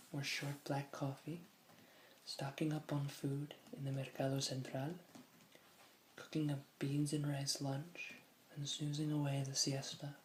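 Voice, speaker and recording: A person whispering softly in an ASMR style, reading aloud from a book slowly, with musing asides. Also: medium pitch, roomy sound, a little hiss or hum, rough recording. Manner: slow, musing asides between read passages. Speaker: ASMR host.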